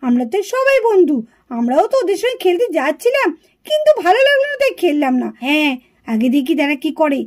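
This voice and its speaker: A woman's voice: extremely high pitch, very animated, fast. A woman voicing curious, scheming village girls in a puppet cartoon, chattering and gossipy.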